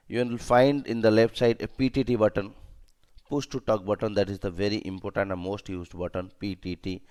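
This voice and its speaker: With a fairly low, darkish voice that is clear and resonant, this Indian-accented man teaches a lesson as a safety and security trainer. His delivery is emphatic, key points come back more than once, and brief questions test whether listeners follow.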